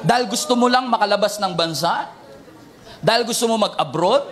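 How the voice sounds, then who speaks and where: A man, a pastor preaching a sermon in a mix of Tagalog and English, swinging from shouted points to low joking asides. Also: animated, fairly quick, a loud crowd, heavy background noise.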